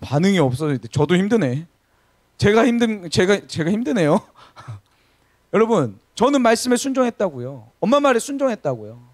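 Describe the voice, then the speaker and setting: Preaching at a church service, this thirties-aged pastor tells funny stories and keeps the congregation involved by asking them questions. He has a high-pitched, sing-song voice and a moderate pace, captured in clean studio sound with no echo.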